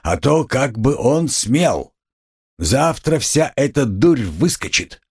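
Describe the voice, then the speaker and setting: A man reading an audiobook, voicing a drunk young man who blusters and shouts. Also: medium pitch, big pitch swings, takes it slowly, breathy edge, pitched above the performer's own voice, full character voice. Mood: blustering. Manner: boisterous, shouting.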